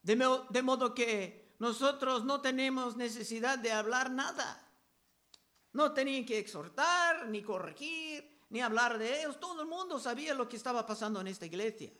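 A man preaching a sermon, reading scripture verses aloud and explaining them slowly and deliberately. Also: extremely high pitch. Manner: slow, deliberate delivery, raising voice for quoted crowd shouts.

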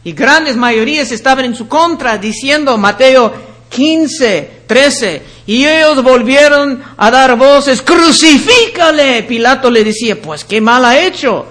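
High-voiced man preaching a sermon. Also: unhurried, a bit bright. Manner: reads scripture passages aloud, with slips and restarts. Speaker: pastor.

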